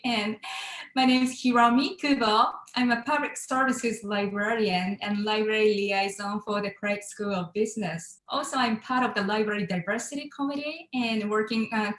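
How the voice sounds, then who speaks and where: Woman librarian, measured and precise; echoey room on a video call. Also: medium pitch, fairly bright tone. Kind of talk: formal self-introduction.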